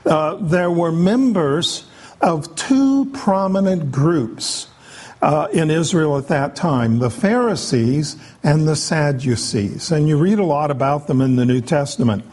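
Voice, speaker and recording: Slow husky male preacher. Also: a little high, animated, a little mellow. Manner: explanatory, unhurried with frequent "uh" pauses. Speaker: pastor. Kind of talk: sermon.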